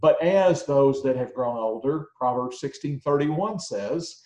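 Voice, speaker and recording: A man's voice: medium pitch, expressive, measured pace, dark tone. Man in his 60s, preacher, plain conversational sermon, roomy echo. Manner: conversational, with frequent uh fillers.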